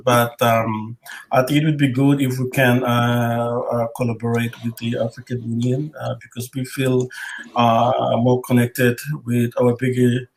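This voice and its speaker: Male activist guest, monotone, hesitant and soft-spoken. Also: mid-range voice, low-quality recording.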